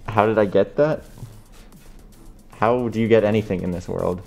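Low-voiced man, dry and teasing. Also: normal speed, creaky, lo-fi sound, soft background music. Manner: calm, dry, teasing humor. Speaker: fursuiter chatting with strangers on a video chat. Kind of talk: casual video chat. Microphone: talking from inside a fursuit head.

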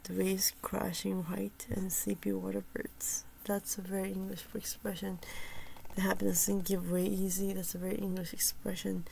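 A soft-spoken woman chatting casually about a poem and its translation. She talks hesitantly, with many fillers and restarts, and often drops to a near whisper. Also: medium pitch, little pitch movement, normal speed, gravelly, a little hiss or hum, low-quality recording.

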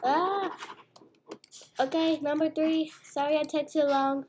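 A high-sitting, darkish female voice moves slowly with fairly even intonation. It belongs to a young girl gaming at home, who narrates her restaurant-game moves in a playful, chatty style. The recording carries faint background noise and the click of a mouse.

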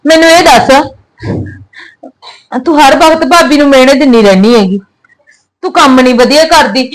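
An actress playing a young married daughter with a Punjabi accent, tearful and reproachful. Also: female voice, high voice, normal speed, lightly acted, rough recording.

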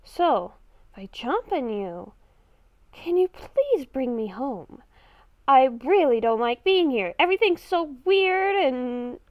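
Lo-fi and free of room sound, the recording captures a woman's high-pitched voice. She is a gaming video creator improvising as a roleplay character, murmuring and exclaiming to herself throughout.

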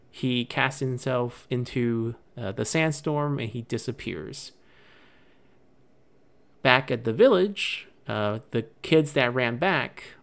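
A man's voice: mid-range voice, gravelly. A man hosting a game channel, retelling legends and explaining lore in an explanatory way with frequent "uh" fillers. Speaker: gaming channel host.

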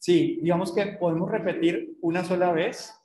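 Echoey lecturing man, rather high voice. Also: steady tone, normal speed, dark tone. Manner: explanatory, asks the class rhetorical questions. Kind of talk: online university lecture.

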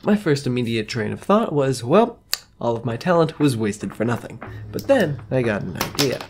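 A man's voice: mid-range voice, very animated, normal speed, a little hiss or hum. A man giving casual scripted narration as a video creator, with a wry, self-mocking manner. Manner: wry, self-mocking, mock-grandiose wording.

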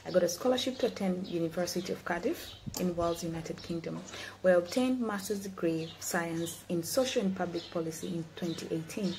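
A young Tanzanian woman in her twenties, a guest speaker, reads an earnest prepared speech from notes to a youth forum over a video call from an indoor room. Her lowish, slightly mellow voice comes through a laptop webcam in a rough recording with a little hiss or hum.

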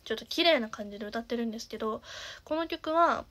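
A young woman in her twenties with a naturally nasal voice, chatting casually as a singer and streamer, with lots of fillers and the odd soft half-whisper. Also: fairly high pitch, animated, quick pace. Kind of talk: casual chat.

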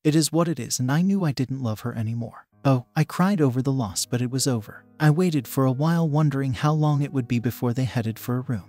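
A man reading a first-person relationship story in a plain, steady voice, spelling out swear words instead of saying them. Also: medium pitch, fairly quick, few pauses, soft background music. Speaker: story narrator.

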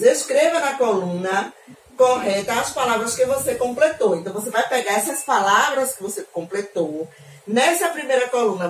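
Patient Brazilian teacher in an echoey room. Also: female voice, a little high. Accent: Brazilian Portuguese. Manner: patient, slow, repeats and spells things out for kids. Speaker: primary school teacher. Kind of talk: recorded homework explanation for children. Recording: echoey room, voice from a distance, faint noise.

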